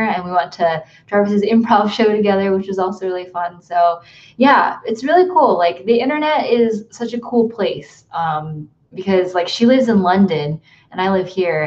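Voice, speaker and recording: A young American YouTuber chats loosely during a bedroom livestream, full of ums and likes as she rambles. Her voice is medium-pitched with a darkish tone. The audio sounds dull.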